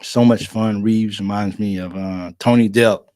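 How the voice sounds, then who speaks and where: A man's voice: on the low side, steady tone, measured pace, a little mellow, dry recording, studio quality, faint music behind. A man hosting a sports livestream, talking emotionally and effusively, repeating himself and restarting his phrases. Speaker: livestream sports show host. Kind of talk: excited casual fan commentary.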